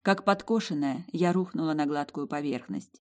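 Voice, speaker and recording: A woman narrating a first-person fantasy audiobook in an emotive, expressive way. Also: deep voice, moderate pace.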